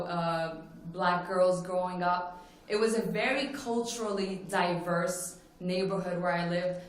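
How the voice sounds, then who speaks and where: A woman's voice: lowish voice, a bit bright. A woman from Morocco giving an earnest personal talk at a forum, telling her story with frequent "you know" fillers. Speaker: forum speaker. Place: conference plenary hall. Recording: very echoey hall.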